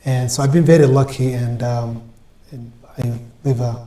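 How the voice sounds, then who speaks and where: Soft-toned man from Ethiopia. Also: medium pitch, steady tone. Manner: measured, many pauses and fillers. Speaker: guest. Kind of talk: interview answers. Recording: roomy echo.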